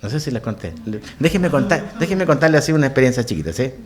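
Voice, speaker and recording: Animated Chilean pastor telling a story. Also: male voice, mid-range voice, quick pace. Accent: Chilean Spanish. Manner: animated, asks the congregation questions. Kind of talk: storytelling sermon. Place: church.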